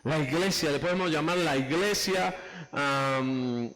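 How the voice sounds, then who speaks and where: A pastor preaching an emphatic sermon, calling on the congregation to raise hands and repeat phrases after him. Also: male voice, on the high side, unhurried, fairly bright tone, rough recording.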